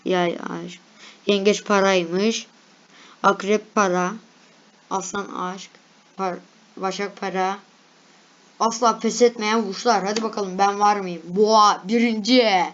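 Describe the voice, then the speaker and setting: A woman's voice: medium pitch, little pitch movement, slow pace, pauses often, dull audio. A young woman casually reading and reacting to lists aloud, chatty and laughing at herself. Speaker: vlogger.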